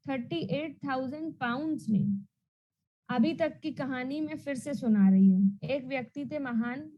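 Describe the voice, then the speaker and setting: Loud, high-voiced woman teacher drilling students. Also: highs cut off. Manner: repetitive question-and-answer drilling; loud and emphatic. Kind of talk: online class lecture.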